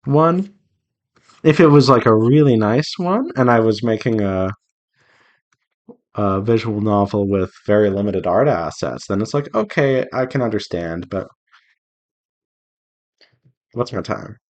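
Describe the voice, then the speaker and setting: While drawing on a stream, a visual novel developer keeps up a loose, playful, casual chat with himself and his viewers as part of an indie game devlog. His pitch is fairly low, he speaks a little slowly, and he leaves long pauses.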